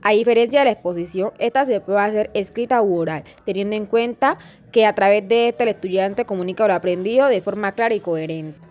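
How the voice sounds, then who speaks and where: A woman reading class notes aloud in a steady, instructional way. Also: medium pitch, fast talker. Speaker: student presenter.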